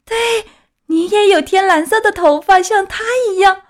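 A woman voicing an eager, excitable wooden puppet boy in a children's story reading, high and pleading. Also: fairly quick. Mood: tearful pleading.

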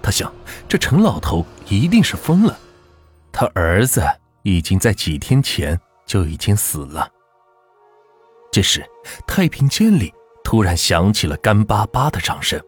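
A man narrating a folk ghost story as the channel's host, in a dramatic, lively storytelling manner. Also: fairly low pitch, a little slow, slightly rough, soft background music.

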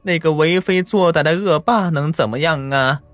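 A man voicing a kindly, unworried grandmother in an audio story, speaking slowly and soothingly. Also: a little high, fairly bright tone, dry recording, pitched above the performer's own voice, lightly acted. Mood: reassuring. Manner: slow, soothing.

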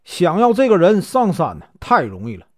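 A male storyteller voicing a shrewd, calm strategist who speaks in a measured, scheming way. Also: high voice, no room sound, studio quality, pitched above the performer's own voice, exaggerated voice. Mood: sly.

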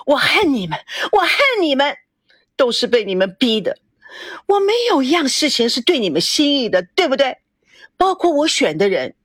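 A woman's voice: high-pitched, a bit bright, no room sound, studio quality, voice pushed up. A woman voicing a distraught young daughter, screaming and sobbing in an audiobook drama.

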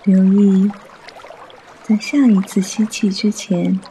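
Male meditation guide: soft, soothing, mellow delivery at a very slow pace, trickling water behind. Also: high voice, level tone, slight background noise.

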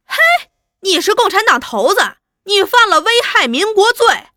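A bullying male interrogator barks his demands in a high, loud voice, as a woman reads him out in an audiobook. He is domineering and threatening, and the voice comes out bright and close on a dry mic. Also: very animated, normal speed, no room sound, exaggerated voice. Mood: shouting threats. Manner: shouting, domineering.

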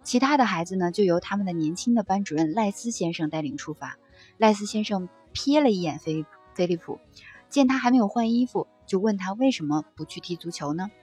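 A woman reading passages from a book aloud and reflecting on them in a gentle, conversational way, with soft fillers between thoughts. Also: medium pitch, expressive, a little fast, slightly rough, faint music behind. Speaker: book-sharing presenter.

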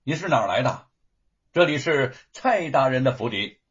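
A male storyteller voicing a rude, bullying gatekeeper servant who barks orders at an intruder in a husky voice. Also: medium pitch, expressive, normal speed. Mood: blustering. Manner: gruff, bullying shouts. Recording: dull lo-fi recording.

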